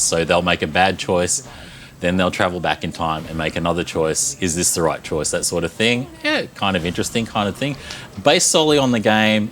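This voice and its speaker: A man with a lowish voice reviewing films on a chat show, talking through them with loose, rambling enthusiasm. A faint background hiss sits under the recording. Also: fairly bright tone. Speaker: movie reviewer. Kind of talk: casual chat.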